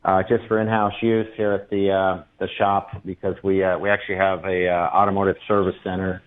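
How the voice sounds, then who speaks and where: A low-pitched man speaks on a call-in radio show, his voice coming through a narrow, tinny phone line. He talks in a relaxed, halting way, filling his many pauses with "uh" as he explains things. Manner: hesitant, many "uh" fillers. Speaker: caller, local business owner. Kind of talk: casual call-in chat. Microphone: telephone.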